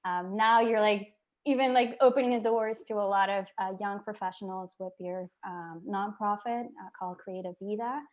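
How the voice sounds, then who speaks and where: A woman's voice: medium pitch, steady tone, normal speed, darkish tone. A woman hosting an online workshop on a video call, upbeat and chatty, with frequent fillers. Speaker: workshop host.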